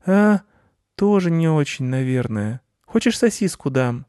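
A man's voice: fairly high pitch, animated, measured pace, a little mellow, clean tone, no room sound, studio quality, pitched above the performer's own voice. A man voicing a stubborn young boy who whines and protests in a storybook reading. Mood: protesting. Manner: whiny and protesting. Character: young boy hooked on his phone, stubborn.

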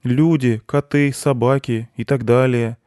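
A man's voice: mid-range voice, fairly even intonation, unhurried, darkish tone, no room sound, studio quality, pitched above the performer's own voice, close to an everyday voice. A man voicing a curious, eager young boy who keeps asking questions.

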